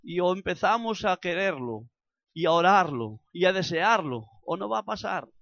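Impassioned Spanish preacher, bright tense voice. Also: male voice, sits high, expressive, moderate pace, dry recording, highs cut off. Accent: Spanish from Spain. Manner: builds to loud impassioned preaching, with acted prayers. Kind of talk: sermon.

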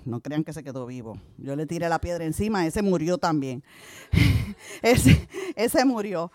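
A woman's voice: mid-range voice, no echo. A middle-aged woman delivers a sermon built around her own testimony. She tells the story with animation and acts out the other people's voices. Her voice sits in a middle register and the recording is dry and close. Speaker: preacher.

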